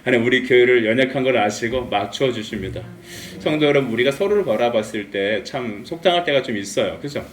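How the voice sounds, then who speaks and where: A male pastor preaching a Sunday sermon in a church, lively and humorous, acting out the characters' lines. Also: mid-range voice, fast talker, a little hiss or hum. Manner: animated, acts out dialogue with humor. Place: church sanctuary. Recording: echoey room, mic at a distance.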